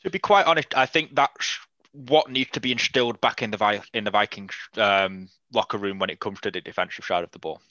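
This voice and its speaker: A man talking football in a casual podcast chat, blunt and animated, swearing freely. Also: on the low side, fairly quick, no room sound. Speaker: podcast guest. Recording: slightly dull, lo-fi mic.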